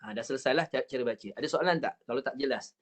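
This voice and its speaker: A man with a Malaysian Malay accent teaching an online Quran recitation class, drilling sounds patiently with counted repetitions and drawing out words slowly to demonstrate. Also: medium pitch. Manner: stretches words very slowly when showing the recitation. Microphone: computer mic on a video call.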